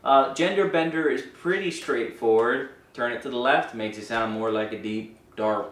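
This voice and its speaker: Here the same kind of host, medium-pitched and at normal speed, casually explains settings for a gear review, sounding informal and unsure at times. An indoor room with a guitar amp surrounds him, captured by a distant mic with a roomy feel and slight noise.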